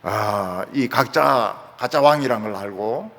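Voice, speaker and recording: A man pastor gives a dramatic sermon, dropping to soft asides and then rising to shouts. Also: fairly low pitch, slow pace, vocal fry. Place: church sanctuary. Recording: reverberant church hall.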